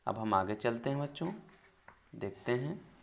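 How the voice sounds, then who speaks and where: A male teacher giving a grammar lesson. He speaks slowly, repeats each definition and calls the students children. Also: medium pitch, lively intonation, vocal fry.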